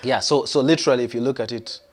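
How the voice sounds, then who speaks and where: A man's voice: medium pitch, fairly even intonation, fast. A young man from Tanzania, raised in Uganda, talking about himself in an easygoing, rambling way. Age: young adult. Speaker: guest, actor. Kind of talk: relaxed self-introduction and interview.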